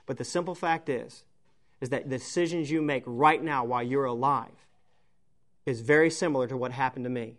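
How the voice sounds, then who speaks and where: A man preaching a sermon, telling a comic story in a lively, self-mocking way. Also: medium pitch, brisk.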